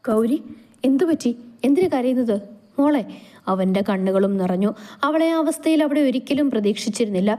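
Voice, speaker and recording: A woman storyteller narrating a romance story in a soft, steady, emotive reading. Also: mid-range voice.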